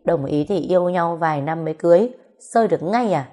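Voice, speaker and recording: A woman voicing a blunt, foul-mouthed grown woman who scolds roughly in a storybook reading. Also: fairly low pitch, lively intonation, fast talker, warm tone, lightly acted. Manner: rough, scolding, swears freely.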